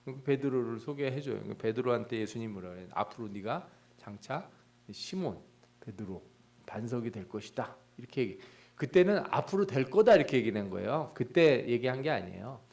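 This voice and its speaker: A man's voice: medium pitch, expressive, a little fast, gravelly, a little mellow. A male pastor giving a Bible exposition sermon in a conversational way, asking the congregation questions and acting out people's prayers and thoughts. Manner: acts out prayers and inner thoughts in quoted voices.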